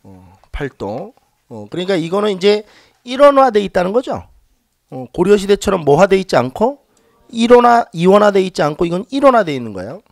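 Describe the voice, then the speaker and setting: A man lectures a classroom of exam students, his somewhat high voice bouncing animatedly from point to point. He teases the class for forgetting basics, then has them chant lists back at him loudly. The sound is close and dry, with no room echo. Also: very animated, fairly quick. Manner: leads students in loud call-and-response drills; teasing, talks down to students jokingly. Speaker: civil service exam history lecturer.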